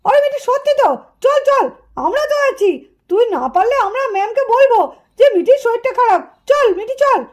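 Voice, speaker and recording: A woman's voice: extremely high pitch, lively intonation, fairly quick. A woman voicing a helpful young child in a puppet cartoon. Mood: eager.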